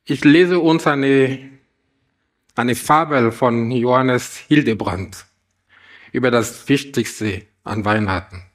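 A man preaching a Christmas sermon, reading a fable aloud and asking the listeners gentle questions. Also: medium pitch, slow. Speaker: pastor.

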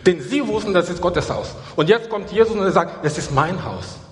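Emphatic preacher with a ringing hall echo. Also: male voice, sits high, expressive, normal speed. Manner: emphatic, repeats key phrases. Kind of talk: sermon. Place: church.

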